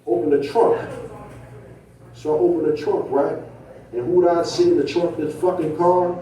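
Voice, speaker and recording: A man's voice: a little high, fairly even intonation, a little fast, warm tone. A male stand-up comedian telling a profane story to a club crowd, tagging his lines with "right?". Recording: echoey room, mic from a distance.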